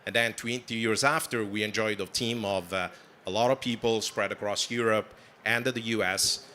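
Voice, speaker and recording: A man in his forties with an Italian accent and a low, bright, forceful voice. He talks quickly and with animation on a conference stage, and his English sometimes shows a non-native turn of phrase. Faint room noise sits behind him. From southern Italy. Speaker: company founder on a panel. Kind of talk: conference panel talk.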